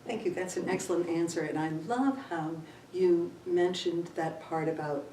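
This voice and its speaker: Gracious woman interviewer, mellow and roomy. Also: lowish voice. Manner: gracious, complimentary, slow-paced. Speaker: interviewer of town candidates. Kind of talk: local civic interview. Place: town library room. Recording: echoey room, far from mic, faint hum.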